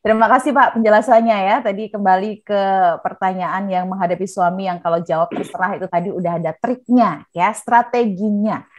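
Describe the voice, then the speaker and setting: A woman's voice: medium pitch, steady tone, fairly quick, hardly any pauses. A woman moderating an online seminar, passing on audience questions to the speaker in a friendly manner. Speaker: webinar moderator. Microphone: video call.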